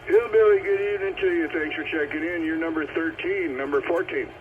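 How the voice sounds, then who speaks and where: This roll call host speaks a little fast and fairly high-pitched, calling and confirming numbers in a repetitive, procedural way. It comes through as a CB radio transmission, tinny and very noisy, with static and noise behind him.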